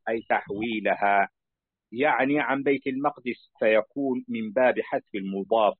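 Husky man reading over a tinny line. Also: mid-range voice, no room sound. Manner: steady reading, repeats phrases to correct slips. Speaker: student reading a book aloud to a sheikh. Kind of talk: reading a classical commentary aloud. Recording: tinny phone-like dry recording.

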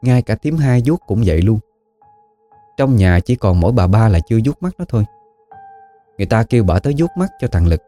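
A man with a Southern Vietnamese accent telling a spooky story in a relaxed, folksy way. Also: lowish voice, fairly quick, long pauses, faint music behind. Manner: relaxed folksy storytelling with lively rises and falls.

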